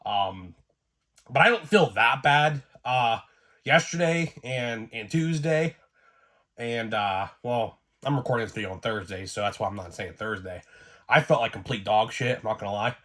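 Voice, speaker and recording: A man hosting a casual sports card vlog, getting over a cold and coughing now and then, talking in a rambling, excitable way with plenty of fillers. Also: medium pitch, moderate pace.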